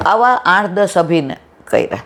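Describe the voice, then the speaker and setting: A woman's voice: on the low side, big pitch swings, unhurried, a bit bright. A woman giving a devotional satsang talk, telling stories conversationally and acting out the dialogue. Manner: conversational, acts out quoted dialogue. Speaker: satsang speaker. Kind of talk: devotional discourse with storytelling.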